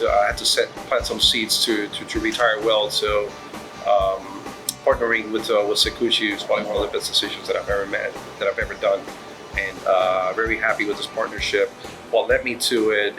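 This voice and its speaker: Low-voiced man from Puerto Rico, rambling. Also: gravelly, rough recording. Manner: rambling, many fillers and restarts. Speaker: restaurant managing partner. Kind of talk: casual interview. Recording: music playing underneath.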